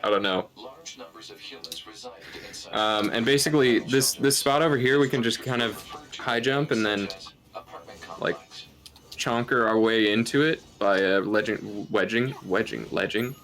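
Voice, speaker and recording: A man's voice: fairly low pitch, unhurried, long pauses, a bit bright. A tired man doing live speedrun commentary, rambling, giggling and tripping over his words.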